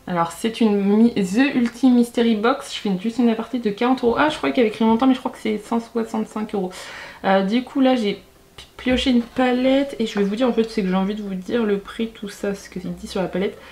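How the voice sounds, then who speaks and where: A woman's voice: a little high, fast talker, darkish tone. A woman talking casually to camera in a beauty unboxing vlog, chatty and rambling, often hesitating and correcting herself. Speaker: beauty YouTuber.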